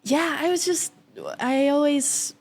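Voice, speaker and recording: Belgian woman guest with Flemish as her first language. Fairly high voice, giggly, chatty, trails off mid-thought. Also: slow, darkish tone. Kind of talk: casual chat.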